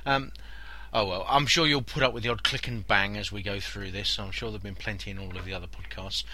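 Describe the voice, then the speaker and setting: A man's voice: fairly low pitch, steady tone, fairly quick, bright, forceful tone. A man giving an informal physics lesson as a podcast teacher, conversational and repeating key points for emphasis. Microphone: body-worn mic near the shirt.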